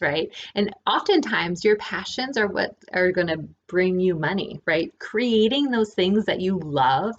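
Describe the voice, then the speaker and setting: A woman's voice: on the low side, highs cut off. A woman giving a casual spiritual lesson, often checking in with "right?". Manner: relaxed, often adds "right?". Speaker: spiritual teacher.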